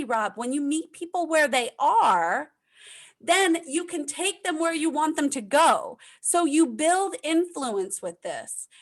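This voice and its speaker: A woman from the United States, a leadership consultant who speaks emphatically as a podcast guest and repeats key points for effect. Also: high voice. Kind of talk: casual interview chat.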